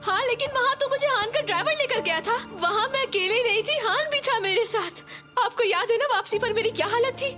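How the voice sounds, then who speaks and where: A woman's voice: extremely high pitch, fairly quick, over music. A woman dubbing a fearful young woman who is terrified of germs and refuses to leave the house, talking in a pleading, anxious way. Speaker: younger sister. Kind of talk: dubbed TV drama.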